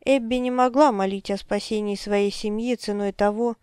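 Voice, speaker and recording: A woman reading a fantasy audiobook in a measured, dramatic manner. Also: medium pitch, steady tone, darkish tone, smooth, no room sound, clean studio sound. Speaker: audiobook narrator. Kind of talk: scripted audiobook narration.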